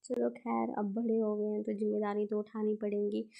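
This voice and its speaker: A young woman talks through her day as a relaxed vlog voice-over, chatty and homely. Her voice is a touch high and gravelly, with a dark tone. She keeps a fairly flat, even melody throughout. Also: moderate pace, muffled recording. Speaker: vlogger. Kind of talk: casual vlog narration.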